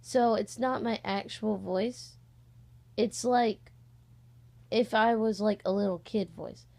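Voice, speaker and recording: Speaking slowly in a medium-pitched, gravelly, slightly mellow voice, a teenage girl of sixteen makes a casual announcement that rambles and hesitates, informal like a vlog. She runs an amateur voice-acting channel and uses a cheap microphone that distorts slightly.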